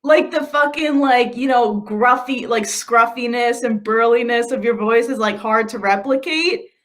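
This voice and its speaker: A woman co-host with a fairly high voice talks at an unhurried pace on a casual live stream. She swears freely, says y'all and often laughs along. Her tone is loose and chatty. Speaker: podcast co-host.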